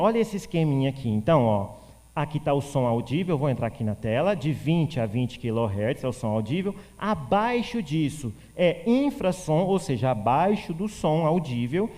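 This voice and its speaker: A man from teaching physics for exam prep, animated, answering questions he voices himself for a student. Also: fairly high pitch, in a large hall. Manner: animated, plays the student asking questions in a shifted voice.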